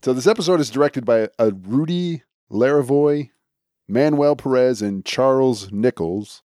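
A man's voice: medium pitch, unhurried, mellow, no echo. Male podcast host, dry close sound. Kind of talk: casual chat.

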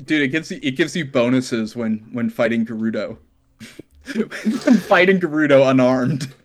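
A man's voice: mid-range voice, measured pace, a little hiss or hum. A man hosting a casual comedy podcast, reading forum posts aloud and laughing often. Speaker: podcast host.

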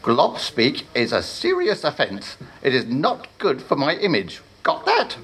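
A man's voice: medium pitch, huge pitch swings, a little slow, fairly bright tone, breathy edge, pitched above the performer's own voice, full character voice. A man puts on a haughty, scaly warlock, a vain and stern male sorcerer. The voice sits well above the reader's own and lingers on each weighty word. It stays lofty and self-important throughout. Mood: pompous.

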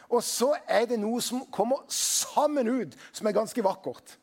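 A man's voice: extremely high pitch, expressive, a little mellow. A man preaching a sermon as pastor, talking conversationally and putting questions to the congregation.

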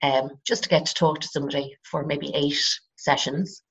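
A middle-aged Irish woman with a croaky voice, explaining her work informally in a hesitant, measured way with frequent pauses. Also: sits low, fairly even intonation. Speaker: psychotherapist, interview guest. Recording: dull, lo-fi sound.

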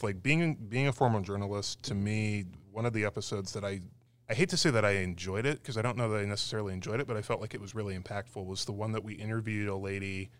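A man co-hosts a podcast in loose, joking conversation. He is from Arizona and talks with lots of fillers. His voice is low but bright and forward. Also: dry recording. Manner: chatty, jokey, many fillers. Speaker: podcast co-host. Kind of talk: casual podcast chat.

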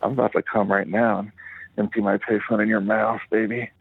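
Man, payphone call, tinny phone line, low gravelly voice, crude joking banter. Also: level tone, fairly quick, dry recording. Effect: heard over a phone line.

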